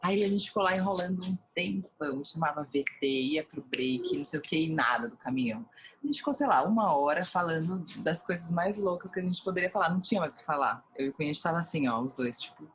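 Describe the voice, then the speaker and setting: Animated Brazilian woman telling stories. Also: low-pitched, fast, background noise. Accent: Brazilian Portuguese. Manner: animated storyteller acting out quotes. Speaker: TV presenter, guest. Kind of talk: casual interview chat.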